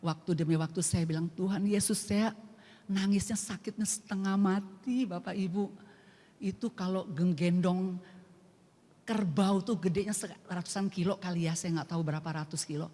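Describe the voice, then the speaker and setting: An older woman sharing a personal faith testimony at a church prayer group, earnest and emotional, moving between soft and emphatic speech. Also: lowish voice, steady tone, normal speed. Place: church hall. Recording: echoey hall with long reverb.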